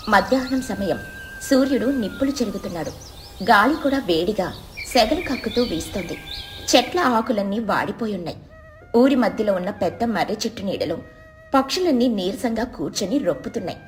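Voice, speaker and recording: A woman narrating a children's cartoon story in an expressive storytelling manner. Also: fairly high pitch, fairly quick, soft background music.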